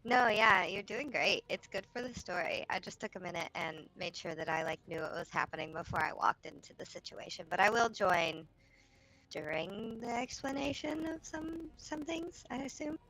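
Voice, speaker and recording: A woman's voice: fairly low pitch, fairly quick, hardly any pauses, pushed and bright, poor audio. A woman playing a tabletop game, talking casually and peppering her speech with fillers. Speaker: player.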